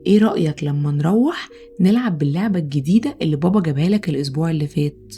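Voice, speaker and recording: A woman with an Egyptian accent voicing a patient, loving mother who speaks softly but firmly in a storybook. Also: sits low, rapid-fire, slightly rough, soft background music, exaggerated voice. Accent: Egyptian Arabic. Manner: soft, calm and steady.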